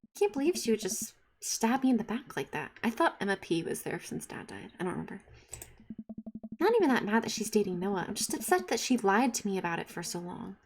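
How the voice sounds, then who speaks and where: A woman's voice: mid-range voice, very animated, brisk, a little hiss or hum. Woman reading as a hurt teenage girl. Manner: dramatic, upset storytelling. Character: moody teenage girl, hurt by her friends.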